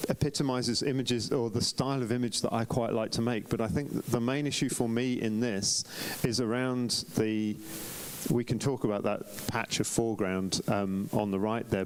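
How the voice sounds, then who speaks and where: A man with a voice on the low side reviews competition photographs during a live-streamed club critique, chatting loosely and restarting sentences with lots of ums as he corrects himself. There is slight background noise.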